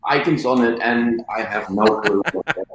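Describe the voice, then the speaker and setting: A man's voice: mid-range voice, moderate pace, fairly bright tone. Dutch man in a very echoey room. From Netherlands. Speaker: livestream guest. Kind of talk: casual chat. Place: empty room under renovation, indoors.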